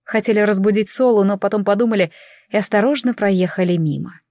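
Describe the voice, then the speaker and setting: A woman narrating a fantasy novel in the first person in an even storytelling manner. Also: medium pitch, a little fast, dry recording, studio quality. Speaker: audiobook narrator.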